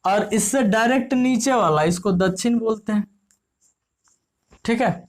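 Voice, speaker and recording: A woman's voice: on the high side, measured pace. A woman teacher explaining a lesson, often asking and answering her own questions. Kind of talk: casual classroom explanation.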